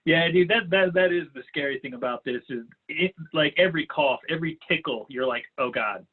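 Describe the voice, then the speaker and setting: A man with a husky, fairly high voice, talking bluntly and teasingly as a podcast co-host. The sound comes through thin and tinny, like a phone line. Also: a little fast. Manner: joking, blunt, swears casually. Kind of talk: casual profane chat.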